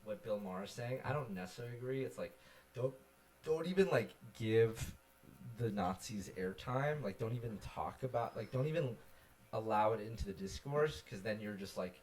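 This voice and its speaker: A man's voice: fairly low pitch, normal speed. Rambling man co-hosting a chat show. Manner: animated, rambling with many fillers. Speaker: podcast co-host. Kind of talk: casual chat.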